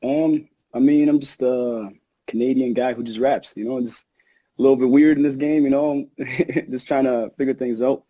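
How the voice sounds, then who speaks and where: Man, casual podcast chat, relaxed, very mellow dark tone, dry sound. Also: mid-range voice, normal speed, no room sound, low-quality recording. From Egypt. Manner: laid-back, relaxed, lots of "you know". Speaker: new host, rapper.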